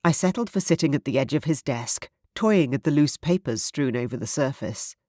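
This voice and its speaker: An audiobook narrator with a synthetic-sounding voice reading first-person romance fiction in a smooth, even manner. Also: mid-range voice, normal speed, dry recording, studio quality.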